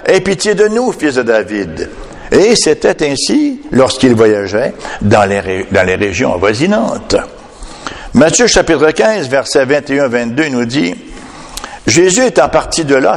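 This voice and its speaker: Pastor in a reverberant hall. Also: male voice, medium pitch. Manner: emphatic preaching with rhetorical "hein?" tags. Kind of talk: sermon.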